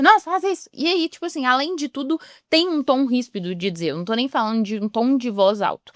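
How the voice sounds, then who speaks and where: A woman's voice: fairly high pitch, dry recording, studio quality. A young woman giving a reflective devotional talk in a chatty way, acting out the voices she quotes.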